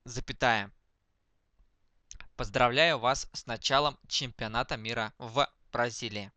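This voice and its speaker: A man dictating text slowly to speech recognition, speaking each punctuation mark aloud, word by word. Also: medium pitch, pushed and bright, no room sound. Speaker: dictation demonstrator.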